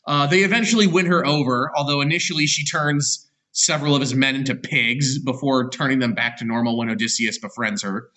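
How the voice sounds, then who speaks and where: A man's voice: medium pitch, a little fast, hardly any pauses, bright, forceful tone. A man teaching an online class, retelling a story in an unscripted way with frequent "uh" and "um" fillers and self-corrections.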